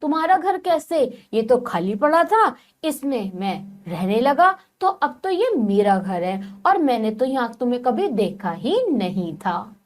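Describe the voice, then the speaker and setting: A stubborn male rabbit from a storybook flatly refuses to give up the nest he has taken, as a woman teacher reads him. He sounds defiant, and his fairly high voice moves up and down a lot. He speaks slowly.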